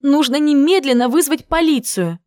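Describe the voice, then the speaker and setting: A woman voicing an indignant young female friend who speaks loud and high, outraged. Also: fairly quick, dry recording, studio quality, lightly acted.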